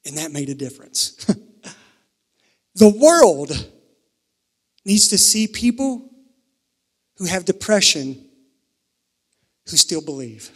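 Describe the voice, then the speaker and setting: A man from Kentucky preaching a sermon at a pulpit microphone, earnest, shifting between emphatic and hushed. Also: high voice, big pitch swings, slow, pauses often, breathy edge. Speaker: pastor. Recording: reverberant sanctuary, pulpit mic.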